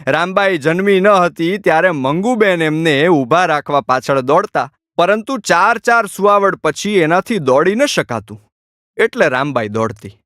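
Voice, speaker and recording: A man narrating an audiobook in an expressive, dramatic storytelling manner. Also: a little high, a little slow, dry recording.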